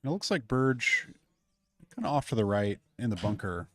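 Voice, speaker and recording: A man's voice: mid-range voice, very animated, moderate pace, dry recording. A man giving golf colour commentary as a co-commentator, in short, analytical remarks.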